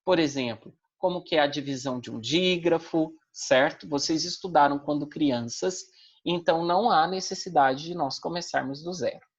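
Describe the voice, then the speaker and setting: A woman's voice: deep voice, normal speed, husky, highs cut off. A woman with a Brazilian accent teaching an online Portuguese language class, explaining step by step and often checking in with her students. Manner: didactic, checks in with tag questions.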